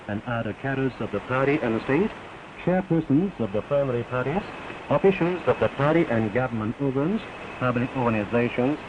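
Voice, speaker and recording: A man reads a formal, scripted state radio bulletin as a North newsreader, solemn and declamatory. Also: medium pitch. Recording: hissy, noisy, muffled shortwave radio recording.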